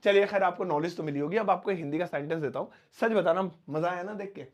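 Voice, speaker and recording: A man from India teaching English phrases in a lively, chatty way, repeating each English phrase slowly word by word. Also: high-pitched. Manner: chatty asides to students. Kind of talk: Hindi-language English lesson.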